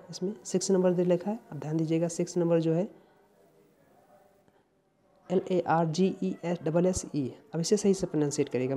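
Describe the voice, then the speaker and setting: A man's voice: on the high side, mellow. A man teaching vocabulary, explaining patiently and repeating each word to drill its pronunciation.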